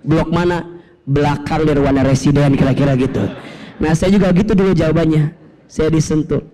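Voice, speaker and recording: A man's voice: on the high side, steady tone, fairly quick, mellow, rough recording. A man, preaching through a personal story with emotion and self-mocking humor. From Bogor area, West Java. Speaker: Islamic preacher. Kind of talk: storytelling sermon.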